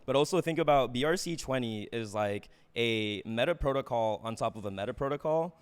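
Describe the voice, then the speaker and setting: A man talking through a livestream headset mic, co-hosting a casual chat and rattling off eager explanations full of "like". His voice sits at an ordinary middle pitch for a man. The sound is close and direct, as from a mic near his mouth. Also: expressive, brisk, clear, resonant tone.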